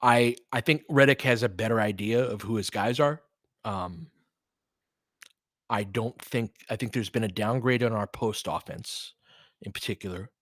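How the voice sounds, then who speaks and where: A fairly low-pitched American man talks at a normal speed as host and play-by-play commentator on a fan stream. His live basketball commentary is casual and analytical, often clipped. The recording is dry and clean, studio style.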